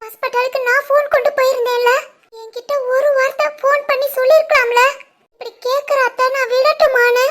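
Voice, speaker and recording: Speaking a little fast, a woman gives voice to a raging middle-aged village mother-in-law in an animated family drama. Her delivery is shrill and scolding, shaped by a Tirunelveli Tamil accent.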